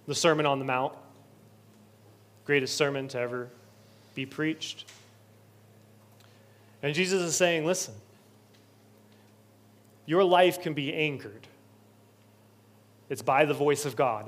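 A higher-pitched male pastor delivers a sermon in a church sanctuary. He preaches earnestly, using repetition that keeps building.

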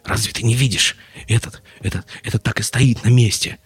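A man's voice: lowish voice, steady tone, a little fast, breathy edge, no echo, pitched above the performer's own voice. A man voicing a hungry, fearful young male fox in an audiobook, whiny and stammering. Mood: scared. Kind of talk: audiobook storytelling.

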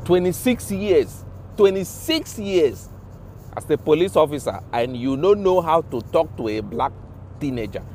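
A man's voice: on the high side, expressive, measured pace, a little mellow, slight background noise. A man with a Nigerian accent, mixing Pidgin and English in an indignant, impassioned vlog rant, swearing and repeating himself for emphasis. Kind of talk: ranting vlog monologue.

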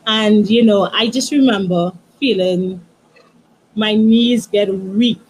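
A woman in her thirties, a guest author, tells her story in a soft, halting way, with many restarts and "you know". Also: mid-range voice, a little hiss or hum, poor audio. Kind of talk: emotional personal storytelling.

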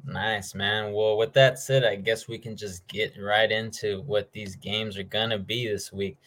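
A man with a fairly low voice hosts a football picks show. He talks informally, in a casual, slangy way, as he moves through his predictions. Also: steady tone, unhurried, fairly bright tone. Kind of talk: casual sports talk, game predictions.

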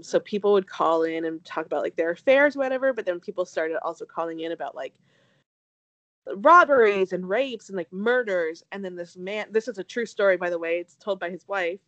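A woman co-hosting a casual podcast, talking haltingly with stammered restarts and many fillers, with a dry, self-deprecating streak. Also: lowish voice, dry recording, muffled recording. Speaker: podcast co-host.

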